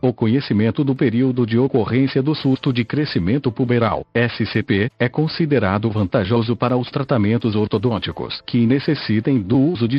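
A man's voice: medium pitch, husky, lo-fi sound. A synthesized man's voice with a Brazilian accent, reading a podcast script stiffly and mechanically like an old speech synthesizer. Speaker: podcast host. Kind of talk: scripted narration, reading an article aloud.

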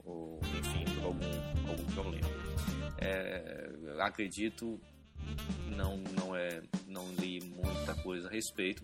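A man's voice: deep voice, fairly bright tone. A Brazilian man hosting a podcast, reviewing news informally and hesitating as he explains. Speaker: podcast host, orthodontist.

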